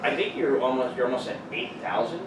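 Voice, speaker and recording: A Texan man hosting a podcast, rambling and swearing freely through casual chat. He sounds far from the mic in a very echoey room. There is clear background noise. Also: medium pitch, expressive, fast talker. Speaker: podcast host.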